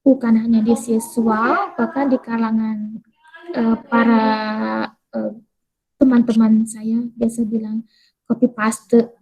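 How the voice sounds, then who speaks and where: Chatty woman teacher with a husky voice. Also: a little high, level tone, warm tone, poor audio. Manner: explains words, then repeats them slowly; chatty, asks questions and answers them. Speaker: English teacher. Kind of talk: casual video lesson.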